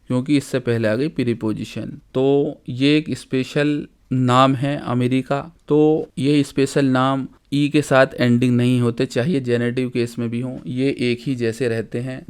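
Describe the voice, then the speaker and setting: Slow, clear-voiced male language teacher. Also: medium pitch, darkish tone. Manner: slow, deliberate reading of examples with translations. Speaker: Arabic teacher. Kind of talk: grammar lesson explanation.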